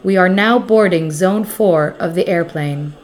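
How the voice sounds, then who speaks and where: A woman reading scripted airport announcements in a formal, measured manner, repeating key details. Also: on the low side, a little mellow.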